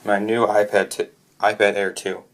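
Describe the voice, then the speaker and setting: A man with a lowish voice and flat delivery narrates an unscripted product review off the cuff. He speaks haltingly, frequently stopping to restart and correct himself mid-sentence.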